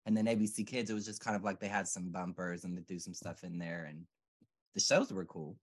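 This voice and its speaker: Deep-voiced man in rambling casual chat. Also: steady tone, a little fast. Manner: rambling, reflective, with many fillers.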